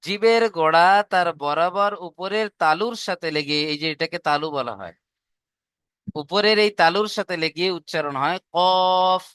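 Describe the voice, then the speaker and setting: A man with a high-pitched, slightly bright and smooth voice teaches Quran recitation online at a normal speed. He is patient and repetitive, frequently asking students if they follow. There's no room sound; the quality is studio-grade.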